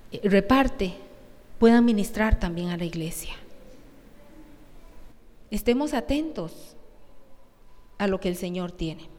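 Woman, preacher, high voice, emphatic sermon, long hall reverb. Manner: emphatic, asks the congregation questions.

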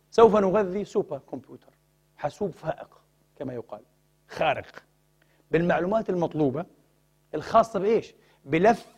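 A man's voice: high voice, darkish tone, breathy edge. A man giving a religious science lecture, asking rhetorical questions and prompting the audience to fill in words.

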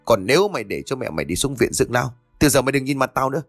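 A man's voice: fairly low pitch, expressive, brisk, a bit bright, soft background music. A man voicing a blunt, hard-drinking older uncle who scolds coarsely. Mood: scolding.

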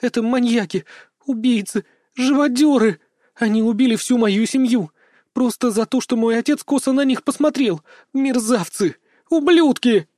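A man's voice: very high voice, moderate pace, a little mellow, dry recording, clean studio sound, voice pushed up. A man voicing a young captive girl who pleads and cries out in terror, in an audiobook. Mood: desperate pleading.

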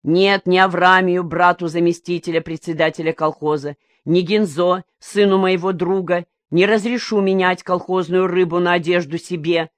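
Lady doing an old fishing brigade boss, worked up, loud and exclaiming, voice raised a bit, audiobook. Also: fairly low pitch, expressive, unhurried, no room sound. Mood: heated. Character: agitated old male fishing brigade leader.

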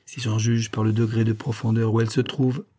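A man's voice: fairly low pitch, little pitch movement, fairly quick, mellow, close to an everyday voice. A man voicing a studious young boy who reasons earnestly, in a storybook reading. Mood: explaining.

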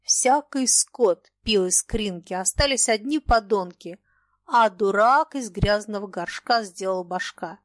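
A woman reading aloud in an unhurried, mid-range voice close to her everyday tone gives voice to a cranky, shrill old merchant. He scolds, wheedles, mocks, and shrieks, all in a dry, close recording with no room sound.

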